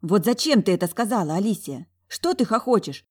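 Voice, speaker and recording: A woman voicing a quick-tempered young woman in an audiobook, all huffy, loud protests. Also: medium pitch, lively intonation, voice pushed up, natural voice. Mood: exasperated. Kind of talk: audiobook character voice.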